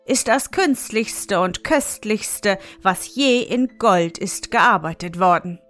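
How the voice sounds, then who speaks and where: A woman reading aloud, voicing a loyal, shrewd servant in a fairy tale, measured and persuasive. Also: medium pitch, expressive, a bit bright, faint music behind.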